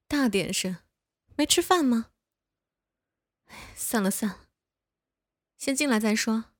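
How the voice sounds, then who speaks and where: A woman's voice: a little high, dry recording, studio quality. A young woman voicing a bossy but caring older neighbor woman who scolds and coaxes the listener in a one-sided audio role-play. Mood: caring, scolding. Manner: playful scolding, coaxing.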